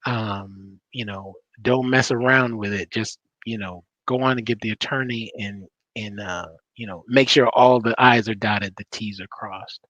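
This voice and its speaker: A man's voice: fairly low pitch, fairly even intonation, a little slow, few pauses, fairly bright tone, dry recording, dull audio. A man on a panel telling an emotional personal story, acting out quoted voices along the way. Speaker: panel guest, father.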